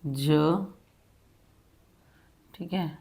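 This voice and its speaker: A woman teacher walks through a grammar lesson at a very slow, deliberate pace. Her voice sits slightly low. She often checks "ठीक है" and slips in English terms as she writes. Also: warm tone, slightly rough. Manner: slow, patient explaining with frequent "ठीक है" checks; mixes English words into Hindi. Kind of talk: Hindi grammar lesson, writing on a board.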